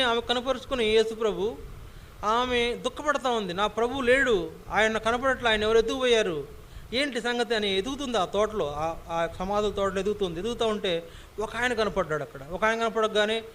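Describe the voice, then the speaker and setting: A man's voice: high-pitched, a bit bright, a little hiss or hum. A man preaching a sermon, emphatic, repeating phrases and putting rhetorical questions to the congregation.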